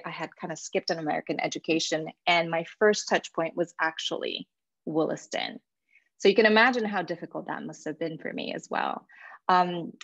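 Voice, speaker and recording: A woman's voice: fairly low pitch, no echo, muffled recording. A woman in her forties from Japan, a life coach giving an earnest talk to alumni with a few fillers. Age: 40s. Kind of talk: presentation to alumni.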